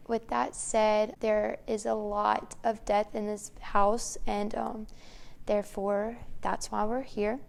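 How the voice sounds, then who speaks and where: A woman's voice: mid-range voice, gravelly, a little mellow, clear, resonant tone. A woman co-hosting a vlog, telling a story casually and matter-of-factly in a room of an old house. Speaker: vlog co-host. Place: room inside an old mansion.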